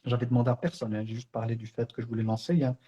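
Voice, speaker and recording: Middle-aged male teacher; fast, husky, earnest spiritual reminder. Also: mid-range voice, flat delivery, warm tone, highs cut off. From Belgium, Brussels. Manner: earnest, conversational storytelling with many fillers. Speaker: online Islamic teacher.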